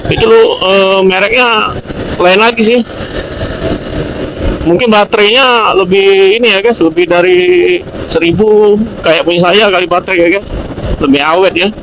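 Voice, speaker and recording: An Indonesian man motovlogs while riding a motorbike outdoors on the road, rambling casually through a product review as he thinks aloud, informal, hesitant and repetitive. His voice is high-pitched at a moderate pace with long pauses, amid noisy traffic and vehicle sounds.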